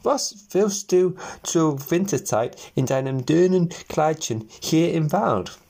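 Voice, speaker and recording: Three little forest men from a fairy tale storybook, speaking slowly and solemnly in a noticeably higher voice, as a man reading aloud puts them on. They sound measured and grave, like small elders passing judgment. The tone stays unhurried throughout. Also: animated, vocal fry, a little mellow, slightly rough, full character voice. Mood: kindly. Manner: slow, solemn gift-giving.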